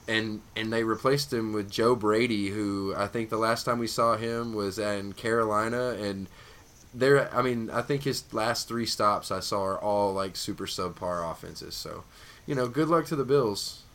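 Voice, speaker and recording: Low-voiced man rambling about football. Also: moderate pace, a bit bright. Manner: rambling, frequent restarts, laid-back. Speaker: podcast co-host. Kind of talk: casual fantasy football chat.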